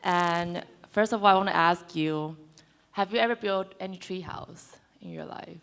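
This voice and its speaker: A woman in her twenties from Taiwan, a co-founder sitting on a conference panel in a conference hall, persuades the audience by putting direct questions to them. Her voice is lowish and a bit bright, with vocal fry, and she speaks at a moderate pace.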